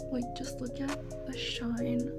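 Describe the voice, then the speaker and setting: Background music runs under a casual makeup vlog in which a twenty-something beauty vlogger, raised in China with Chinese as her first language, talks through her routine with many likes and ums. She has a high voice, keeps a level tone, and takes things slowly.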